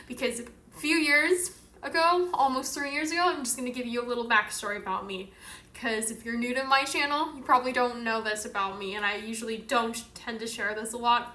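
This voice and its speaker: Bright-voiced chatty young woman vlogger. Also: fairly high pitch, roomy sound. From Northern California. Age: young adult. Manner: chatty, outgoing, earnest. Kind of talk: casual talk to camera.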